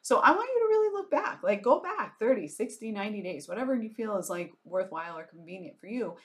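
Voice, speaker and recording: A woman hosts a solo business podcast in a chatty, frank way. She talks at a middle pitch, filling her speech with "like" and "you know" and laughing easily. It sounds like an ordinary conversation with the listener, not a script. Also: animated, fast talker. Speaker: podcast host, business strategist. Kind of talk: casual solo podcast monologue.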